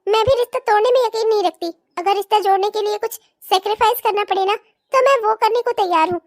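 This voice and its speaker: A woman's voice: very high-pitched, steady tone, normal speed, dry recording, studio quality. A woman voicing a stern, nagging middle-aged mother-in-law in a comic cartoon, complaining and lamenting theatrically. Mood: resigned.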